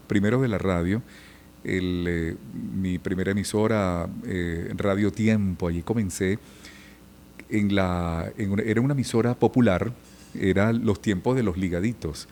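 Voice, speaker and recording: A man's voice: fairly low pitch, slight background noise. A middle-aged man, a journalist and radio announcer, telling stories in a conversational podcast interview. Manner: storytelling, animated, imitates old radio announcers.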